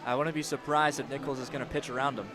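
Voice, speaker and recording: Over music, a fast-talking man with a steady, medium-pitched voice offers live analytical commentary on a baseball game from an outdoor stadium booth. He explains and critiques each play conversationally, with strong opinions.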